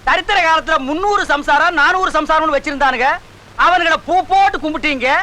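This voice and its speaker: A man's voice: very high-pitched, a little fast, bright, forceful tone. A man in a film comedy scene, ranting and scolding his followers. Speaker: sorcerer character in film.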